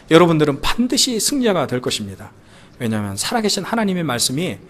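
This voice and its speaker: A man in his thirties preaching a sermon in a church, asking the congregation questions and telling stories about his young sons. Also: sits high. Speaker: pastor. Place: church sanctuary.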